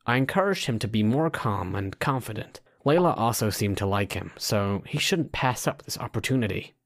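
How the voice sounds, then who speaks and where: A man with a fairly low voice delivers a scripted first-person story. He talks straight to the listener in the manner of a storytime vlogger. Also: lively intonation, normal speed, no echo, clean studio sound. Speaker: storytime narrator.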